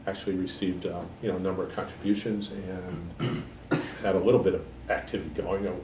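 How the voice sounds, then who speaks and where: A man in his sixties from Connecticut, a political candidate giving halting, measured answers in an editorial board interview. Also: deep voice, level tone, darkish tone. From Connecticut, USA. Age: 60s. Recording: echoey room, mic far off, background noise.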